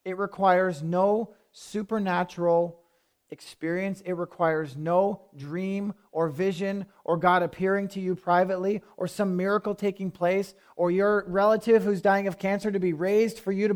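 A man gives a sermon in a fairly high voice. He speaks to his congregation in an easy, conversational way and then presses his points with firm emphasis. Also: steady tone, moderate pace. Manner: conversational preaching that rises to forceful emphasis. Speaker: pastor.

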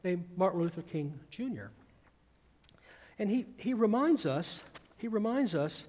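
Very animated at a measured pace, a pastor in his sixties preaches in a high, slightly mellow voice with a long reverb tail. His Georgia Southern accent marks him as from the American South, and he emphatically repeats phrases and recites verse with swelling volume.

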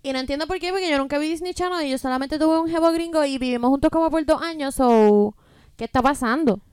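A native Spanish-speaking woman in casual podcast chat, switching constantly between Spanish and English in an animated, sweary way. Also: high-pitched, quick pace, dry recording, studio quality. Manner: animated, profane. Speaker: podcast co-host.

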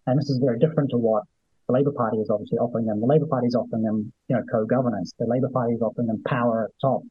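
A man giving conversational political commentary as a guest, in a hesitant way that often repeats phrases, with a husky voice. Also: mid-range voice, steady tone, rapid-fire, dry recording. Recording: dull, lo-fi remote audio.

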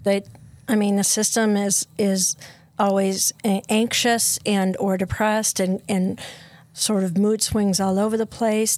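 Woman, therapist guest, earnest and steady, mid pitch, dry studio sound. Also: no room sound. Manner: earnest, explains steadily, drops to soft whispers when quoting inner voices. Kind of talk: conversational podcast explanation.

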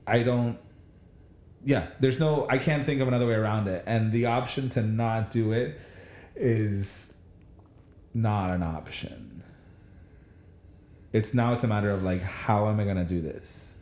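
A man's voice: fairly low pitch, a little slow, pauses often, darkish tone, reverberant. A man in casual chat, reflective and rambling, with lots of restarts. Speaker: administrator going back to school.

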